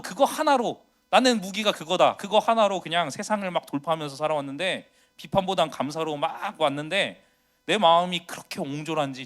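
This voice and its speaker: Young pastor guy preaching, voice jumps all over, kinda high, loud then quiet. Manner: lively confessional preaching, swinging from loud to hushed. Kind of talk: sermon.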